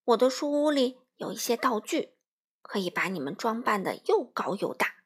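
A woman voicing a calm, clever rabbit who comforts and reassures her friends. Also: fairly high pitch, moderate pace, slightly rough. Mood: calm reassuring. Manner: soothing, reassuring.

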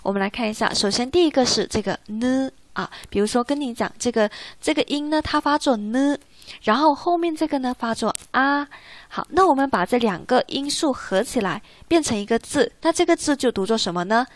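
A woman's voice: on the high side, lively intonation, brisk, few pauses, dry recording. A woman teaching an introductory language lesson. She explains patiently and keeps checking in with the listener through rhetorical questions. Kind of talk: classroom-style explanation.

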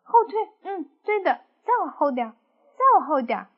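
A woman voicing a bossy mother pig who urges the wolf on in a high voice. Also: big pitch swings, normal speed, dull audio.

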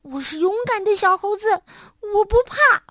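A woman's voice: extremely high pitch, animated, normal speed, fairly bright tone, dry recording, clean studio sound, voice pushed up. A woman voicing a timid little boy monkey in a storybook, whimpering and tearful. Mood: determined.

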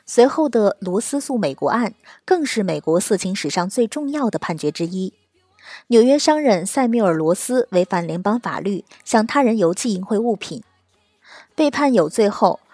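A woman reading a scripted explainer narration in a steady, measured storytelling delivery. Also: mid-range voice, no echo, clean studio sound.

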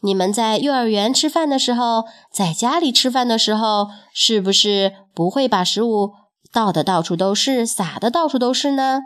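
A woman hosting a children's program, telling a traditional story in a gentle, sing-song way and asking the little listeners questions. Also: a little high. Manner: slow, gentle, sing-song narration to kids.

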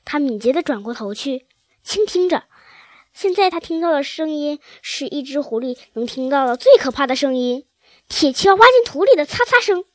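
High-voiced woman reading a children's story. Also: very animated, moderate pace, no echo. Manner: reads with occasional slips and restarts.

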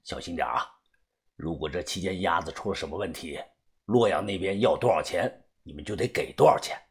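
A man voicing a tall middle-aged male smuggler who gives curt, secretive instructions in a low, hushed voice. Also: a little fast, breathy edge, heavily acted. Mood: stern.

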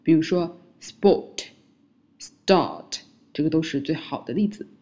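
A woman teaching English pronunciation, modeling words clearly one by one for the listener to repeat. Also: deep voice, quick pace, mellow. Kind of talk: slow, deliberate phonics lesson.

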